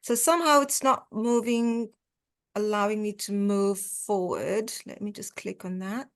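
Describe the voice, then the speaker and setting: A South African dietitian with a mid-range voice gives an online lecture in her South African accent. She comes across as hesitant, frequently pausing with fillers and starting her sentences over.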